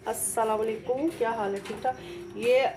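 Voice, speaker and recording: Chatty high-voiced woman, noisy home audio. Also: normal speed. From Pakistan. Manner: chatty, explains at length, breaks into excited laughing exclamations. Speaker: mother of the vlogger. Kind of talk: casual home vlog chat. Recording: home audio with clear background noise.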